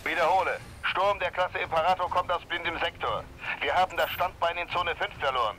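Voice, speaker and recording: A man's voice: fairly high pitch, a little fast, pushed and bright, faint music behind, poor audio. An actor voicing an urgent male base commander who speaks over a radio channel with clipped, commanding orders in a game dub. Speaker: base control.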